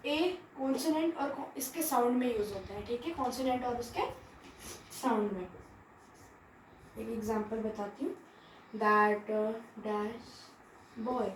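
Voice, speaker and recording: A woman's voice: fairly high pitch, slow, pauses often, far from the mic, a little hiss or hum. A woman teaches grammar to a class. She asks a question, then answers it herself. She sounds set back from the microphone in an echoey room. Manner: asks rhetorical questions and answers them herself, checks in with "theek hai". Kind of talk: classroom grammar lesson mixing Hindi and English.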